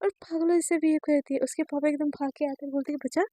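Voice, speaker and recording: Chatty woman storyteller, high voice. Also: flat delivery, fast, dark tone, no echo, low-quality recording. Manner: chatty, mixes English words, many fillers. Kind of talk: casual story narration.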